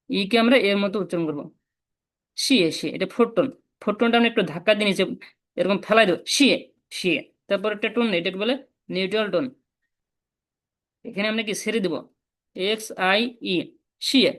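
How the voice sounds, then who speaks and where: A woman with a Bangladeshi Bengali accent teaches in a casual, unhurried way, walking through each step and saying syllables over and over. Her voice sits at an ordinary middle pitch. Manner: repeats syllables slowly, step-by-step explaining. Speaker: Chinese language teacher. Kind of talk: casual spoken lesson.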